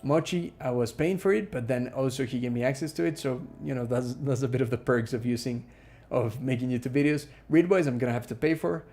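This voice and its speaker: A man's voice: medium pitch, fairly quick, a little mellow. A man from Ecuador hosting a casual live stream Q&A, chatting with viewers, reading their questions aloud and using lots of fillers.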